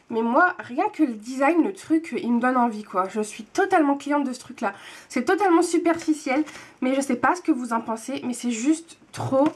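A woman's voice: high-pitched, slight background noise. A young woman in her twenties chatting to camera as she unboxes a monthly tea box, gushing and repeating words for emphasis. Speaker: book and tea vlogger. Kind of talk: casual unboxing chat to camera.

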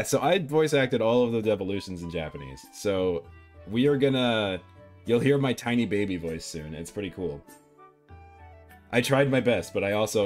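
A man streaming live as a VTuber, chatting casually in a playful, rambling way and swearing freely. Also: on the low side.

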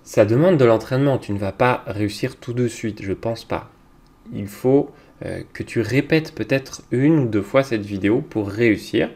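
A man teaching young children, talking slowly and patiently, with hesitant fillers. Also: mid-range voice, vocal fry. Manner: speaks slowly to a child, hesitant fillers, loudly claps out each word. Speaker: kindergarten teacher.

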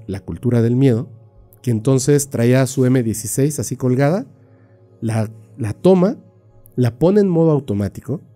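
A man retelling a story on a podcast in a casual, animated way, with frequent fillers and the odd mouth sound effect. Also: mid-range voice.

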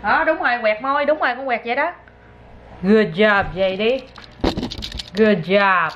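A young mother chats casually to her viewers while coaxing her toddler at home, her voice pitched fairly high and sing-song. A faint hiss sits under the camera-mic sound. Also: unhurried, lo-fi sound. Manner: chatty, coaxing, sing-song talk to a child. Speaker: vlogger, mother.

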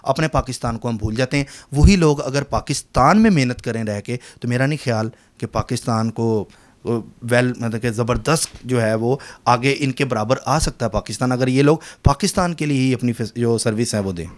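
A man's voice: mid-range voice, moderate pace. A man with a Pakistani accent hosting an interview, talking in a chatty, earnest, patriotic way. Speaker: interview host. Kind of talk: casual interview chat.

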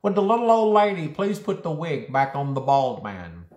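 A man voicing a frazzled woman on a store loudspeaker, nasal and shrill, straining to be heard over a ruckus. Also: big pitch swings, normal speed, lo-fi sound. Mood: pleading. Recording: echoey church room.

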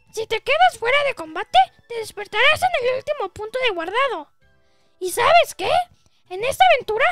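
A woman voicing a fussy little male mushroom retainer from a video game, reading his dialogue aloud with a squeaky, sing-song voice. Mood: chatty.

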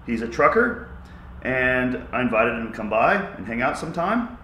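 A man in his thirties chatting casually to camera for a fitness vlog, goofy and excitable, jumping between loud bursts and low asides. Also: moderate pace, slight background noise. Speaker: fitness vlogger. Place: echoey home gym. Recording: echoey room.

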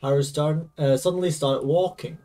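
A man's voice: fairly high pitch, fairly even intonation, moderate pace, mellow, recorded from a distance, close to an everyday voice. A man reading aloud as a young male game protagonist, confused and anxious, over faint game music. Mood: uneasy.

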